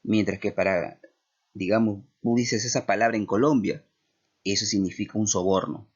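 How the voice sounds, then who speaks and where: A man's voice: on the low side, steady tone, moderate pace, slightly rough. A man with a Peruvian accent teaching a language class, explaining step by step and checking in with his students. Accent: Peruvian Spanish. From Peru. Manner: explanatory, with many tag questions. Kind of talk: classroom lecture. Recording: dull lo-fi recording.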